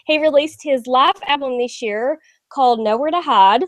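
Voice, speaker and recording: Bubbly high-voiced Southern woman host. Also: normal speed, no room sound. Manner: bubbly, laughs often. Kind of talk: casual interview.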